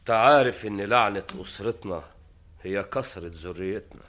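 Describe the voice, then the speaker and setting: An Egyptian-accented man playing an impulsive, anxious adventurer king in a theatrical fantasy drama, with an urgent, excitable manner. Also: fairly low pitch, moderate pace, a little hiss or hum, close to an everyday voice. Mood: worried.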